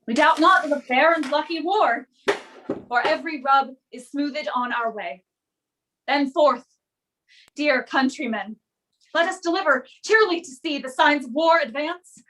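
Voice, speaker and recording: A woman playing a stern, commanding warrior king with declamatory, measured Shakespearean stage delivery. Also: high voice, a bit bright, rough recording. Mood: resolute.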